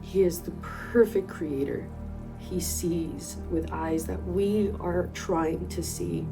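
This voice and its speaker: Low gravelly woman giving earnest testimony. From Colombia. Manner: reflective and earnest, with pauses. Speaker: speaker sharing a faith testimony. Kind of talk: personal faith testimony. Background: soft instrumental music.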